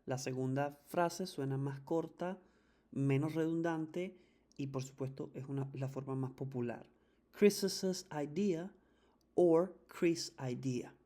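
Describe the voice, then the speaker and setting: Mellow-voiced patient grammar teacher. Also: medium pitch, fairly even intonation, a little slow. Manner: patient, repeats each rule and drawls out example words. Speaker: English teacher. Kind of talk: grammar lesson explained in Spanish.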